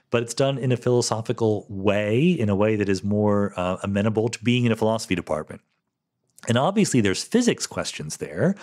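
A middle-aged man with a lowish voice hosts a podcast, working through listener questions alone in a thoughtful, explanatory monologue and often checking in with "right?".

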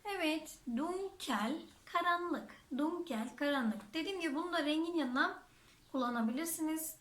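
A woman's voice: high voice, animated, normal speed, a bit bright. A woman teaching a vocabulary lesson, saying each word twice and then translating it. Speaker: German teacher. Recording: echoey room.

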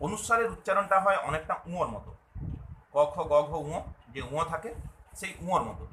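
A man's voice: sits high, sharp tone, roomy sound, slight background noise, low-quality recording. A man giving a video lesson to viewers, patiently explaining and repeating, often asking a question and then answering it himself. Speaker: Bengali language teacher.

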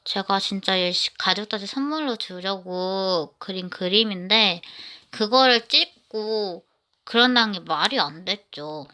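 Rambling woman telling a story, bright voice. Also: mid-range voice, expressive, a little slow. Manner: rambling, with many restarts. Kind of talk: first-person story narration.

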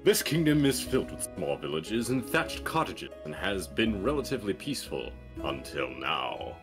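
A man's voice: sits low, big pitch swings, moderate pace, music in the background. A man narrating a fantasy text adventure aloud, reading out the story and its dialogue. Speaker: reader of story game text.

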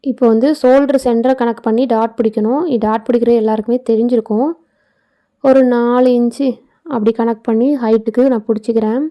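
A woman narrates her own sewing tutorial in a casual, explanatory voice-over, breaking off for chatty asides. Her voice sits a little high. The recording is dull and lo-fi, as if made on a phone. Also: steady tone, a little fast. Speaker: tailoring channel host.

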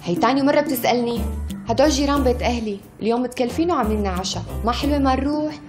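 A woman's voice: a little high, racing, lightly acted. A woman with a Syrian accent acting as a chatty, insistent young wife in a comedy sketch. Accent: Syrian Levantine Arabic. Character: chatty young wife, busy with social plans. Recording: background music under dialogue.

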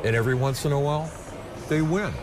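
A man's voice: a little high, fast, background noise. A man in his seventies giving interview answers as a professional caller, repeating words for emphasis. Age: 70s. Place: large bingo hall, indoors.

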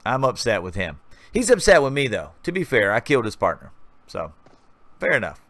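A man with a bright, forceful voice gives a relaxed voice-over to his own game footage. He rambles through a chatty play-by-play and keeps addressing his viewers directly. His pitch sits in the middle of a man's range. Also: brisk, no room sound. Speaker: gaming channel host. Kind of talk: casual gameplay commentary voice-over.

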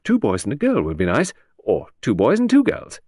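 A man's voice: medium pitch, huge pitch swings, moderate pace, a little mellow, breathy edge, no room sound, clean studio sound, voice pushed up. A man doing Lady Angkatell, a chattering older aristocrat lady. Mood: dreamy. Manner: chattering, rambling, breezy.

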